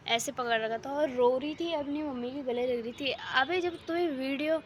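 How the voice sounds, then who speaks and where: A woman's voice: sits high, moderate pace, slight background noise. A young woman chatting casually in a rambling daily vlog, her throat a bit sore, talking into a handheld phone on a rooftop. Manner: chatty, rambling, full of fillers. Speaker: vlogger. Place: home rooftop, outdoors. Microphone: phone held in hand.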